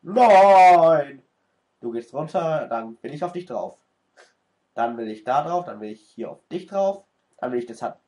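A man with a stuffy nose from a cold, doing excitable let's-play commentary and cursing at the game. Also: mid-range voice, normal speed. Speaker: let's player.

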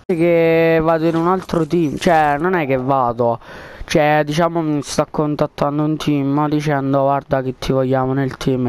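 Talking through a game headset, this male gaming creator rambles loosely, full of fillers, as he eggs a friend on in a prank. His pitch is fairly high, but the tone is darkish, clear, and resonant.

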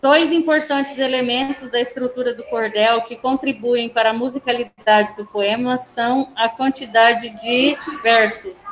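A woman's voice: fairly high pitch, steady tone, a little slow, few pauses. A woman teaching a language class online, explaining step by step, counting syllables aloud and checking in with her students. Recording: echoey room, faint background noise.

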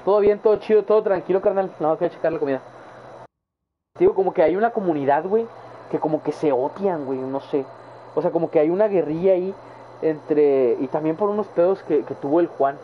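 A young adult man with a northern Mexican accent, chatting casually and rambling in slang to his viewers during a live game stream. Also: on the high side. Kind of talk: casual chat while gaming live. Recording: tinny phone-like sound with faint background noise.

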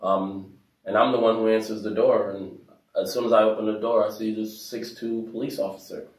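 Man from Africa, deep-ish voice, soft-spoken storyteller, fillers, distant roomy sound. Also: level tone, brisk. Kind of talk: casual discussion. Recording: roomy echo, mic at a distance.

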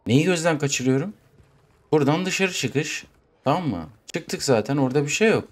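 A man's voice: fairly high pitch, expressive, moderate pace. A young man with a Turkish accent, commenting as he plays a horror game, jumpy and swearing, talking to himself and the game. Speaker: gaming YouTuber.

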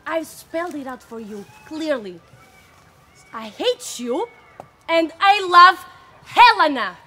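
A fickle young male lover, played by an actress on an outdoor stage. He speaks in a high voice, blunt and dismissive. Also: big pitch swings, slow, slightly rough, exaggerated voice.

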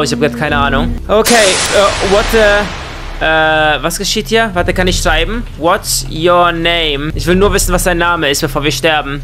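A young man doing excitable Let's Play commentary, full of exclamations and questions and sprinkled with English slang. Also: a little high. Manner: mixes English slang into German. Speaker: gaming YouTuber.

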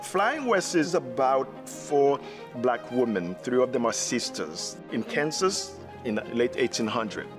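Seated indoors in a theater, a middle-aged man from Haiti who directs theater gives an earnest interview, frequently starting his sentences over. He speaks unhurriedly in a medium pitch with big swings, Haitian Creole being his first language and a Haitian accent audible, while music plays behind him.

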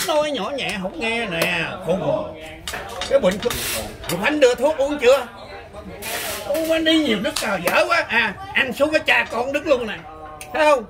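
A man with a Southern Vietnamese accent talks trash through a street chess game, teasing and boasting. His voice sits very high for a man. A crowd chatters close behind him. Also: lively intonation, a little slow. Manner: teasing, boastful, laughs a lot. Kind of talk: casual trash-talking banter over a game.

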